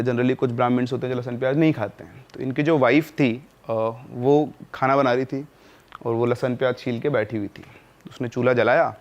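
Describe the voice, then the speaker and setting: Man casually telling a ghost story. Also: mid-range voice. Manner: conversational, with filler sounds and self-corrections. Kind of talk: casual spoken horror storytelling.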